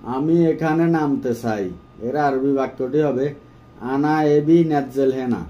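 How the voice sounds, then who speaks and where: A man giving a phrase-by-phrase language lesson, saying each phrase and then repeating it slowly and carefully. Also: mid-range voice, warm tone, dull audio. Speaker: language teacher.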